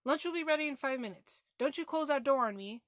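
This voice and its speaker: A woman's voice: mid-range voice, steady tone, slow, no room sound, clean studio sound. A young woman playing her own mother, a matter-of-fact, bossy middle-aged parent who nags. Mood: scolding. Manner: nagging orders when scolding.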